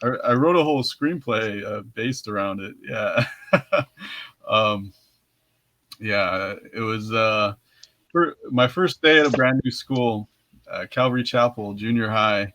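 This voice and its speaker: A man's voice: on the low side, measured pace, sharp tone. A man co-hosting a podcast, telling a story in casual chat with frequent laughs and restarts. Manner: laughs often, many restarts. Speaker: podcast co-host.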